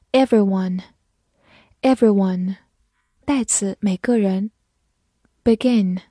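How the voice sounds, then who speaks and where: A woman teaching English vocabulary, saying each word twice and then giving its part of speech and meanings in a measured, lesson-style delivery. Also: mid-range voice, mellow, dry recording, clean studio sound. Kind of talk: slow vocabulary review lesson.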